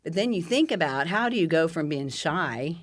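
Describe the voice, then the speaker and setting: An older woman, the host's mother, chats casually on a podcast, telling stories with a low, expressive voice at normal speed. She laughs often and fills her talk with plenty of fillers, and there's no room sound.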